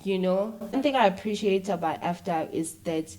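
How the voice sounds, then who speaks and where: A woman's voice: mid-range voice, moderate pace. A young South African woman, a filmmaker guest, telling stories in a casual chat and acting out other people's voices as she goes. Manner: animated, mixes English and isiZulu, acts out voices in anecdotes.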